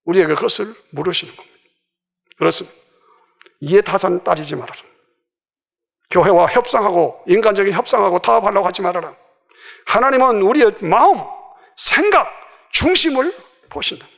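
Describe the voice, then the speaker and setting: Male pastor, fervent sermon delivery, acts out the quotes, high and gravelly. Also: a little fast, long pauses. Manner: impassioned preaching, acting out quoted voices.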